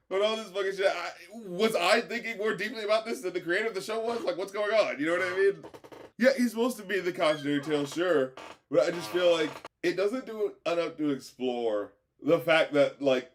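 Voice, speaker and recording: A man in a casual, profane, rambling rant, exasperated and stumbling over fillers as he talks. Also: fairly high pitch. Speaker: commentator. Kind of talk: casual rant about a show.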